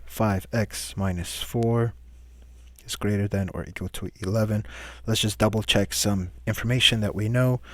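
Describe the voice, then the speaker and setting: A man's voice: fairly low pitch, fairly even intonation, normal speed, fairly bright tone, no echo. A man teaching a recorded math lesson, patiently walking through each step and asking questions he then answers himself.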